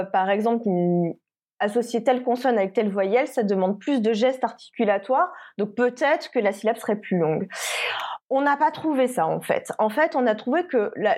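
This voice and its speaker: A woman's voice: a little high, darkish tone. A woman, a linguist researcher answering interview questions carefully, with frequent hesitations and restarts.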